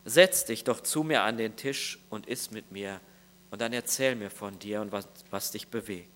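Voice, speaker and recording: A man voicing a calm, kind helper revealed as Jesus, speaking gently and invitingly in a sermon story. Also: lowish voice, normal speed, a little hiss or hum, pitched below the performer's own voice, lightly acted. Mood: gentle.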